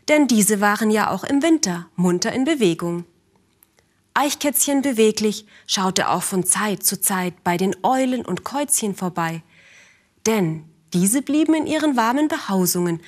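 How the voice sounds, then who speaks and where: A woman narrating a children's story in a gentle, calm way, speaking directly to the children. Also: mid-range voice.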